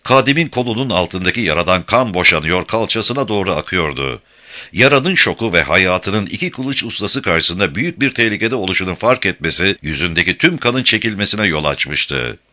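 A man narrating an adventure audiobook in a dramatic, expressive storytelling manner. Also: low-pitched, moderate pace.

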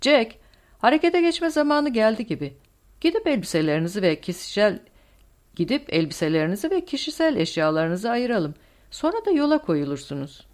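A woman's voice: a little high, very animated, a little fast, darkish tone, pitched above the performer's own voice. A woman voicing a smug, scheming male general who talks persuasively. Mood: pleased.

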